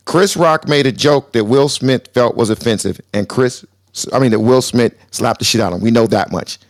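A man's voice: medium pitch, normal speed, no room sound, studio quality. A man hosting a live call-in show, moderating a heated debate and cutting in with repeated words to keep order. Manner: interrupts with repeated words, insistent. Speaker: talk show host.

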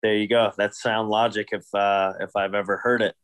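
A man's voice: lowish voice, flat delivery, a bit bright, smooth. A man hosting a podcast, joking around with crude humor. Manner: joking, crude, slow drawl. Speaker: podcast host. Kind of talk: casual podcast chat.

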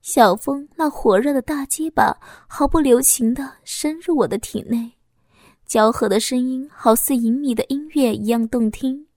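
Brief: high-voiced woman narrator, soft and intimate, slips into whispers, dry close mic. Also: normal speed, no room sound. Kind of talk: scripted first-person audio story narration.

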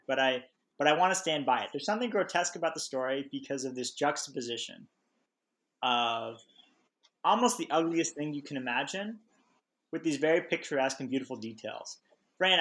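A man's voice: medium pitch, fairly bright tone, rough recording. A man co-hosting a book podcast, talking in a thoughtful, reflective way. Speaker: podcast co-host. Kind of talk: casual book discussion.

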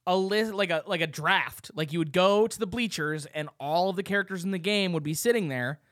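A young man co-hosting a casual podcast chat, excited and rambling, swearing freely as he reminisces. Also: sits high, brisk, no room sound, clean studio sound. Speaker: podcast co-host.

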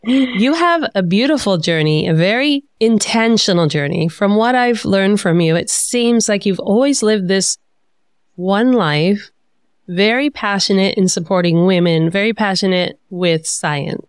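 A woman's voice: mid-range voice, a little slow, smooth, dry recording, clean studio sound. Gushing woman podcast host. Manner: effusive, enthusiastic praise. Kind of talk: casual interview talk.

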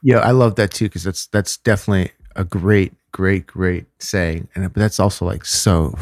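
A man with a deep voice conducts a casual interview. His phrasing is colloquial and somewhat hesitant, and the recording is dry with little room sound. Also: steady tone, moderate pace, a little mellow, no room sound.

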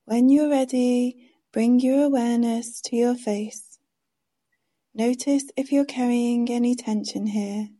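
A woman guides a meditation in a soft, hushed and soothing voice. Her tone is very mellow and rounded, sitting a little high. She gives each gentle instruction slowly, leaving room between phrases. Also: fairly even intonation. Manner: slow, gentle instructions with pauses.

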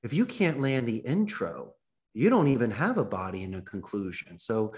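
A man, a guest on a podcast interview, explaining phone sales and acting out sample calls with lively quoted lines. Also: on the low side, moderate pace. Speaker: guest, call center owner.

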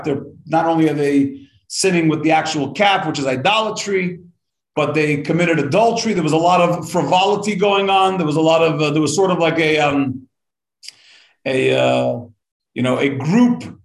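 A man's voice: high voice, reverberant, low-quality recording. A man teaching a live-streamed Torah lesson, chatty and upbeat as he greets viewers by name and then explains the text. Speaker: rabbi teaching a weekly Torah class.

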